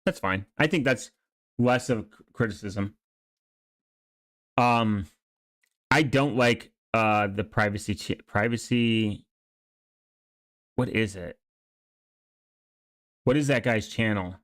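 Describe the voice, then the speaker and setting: A man giving casual, rambling commentary, speaking haltingly and often trailing off or restarting mid-thought. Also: on the low side, a bit bright, dry recording, studio quality. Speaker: streamer reacting to online videos and channels.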